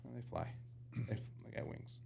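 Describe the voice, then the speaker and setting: A man, an outdoorsman from the United States, telling hunting stories as a podcast guest in casual, animated chat. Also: normal speed, slight background noise. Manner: animated storyteller, jumps into quoted voices.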